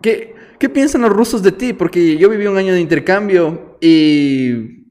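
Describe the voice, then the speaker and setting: A man's voice: high voice, a little slow, a little mellow. Curious man asking questions. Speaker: host. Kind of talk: casual interview chat.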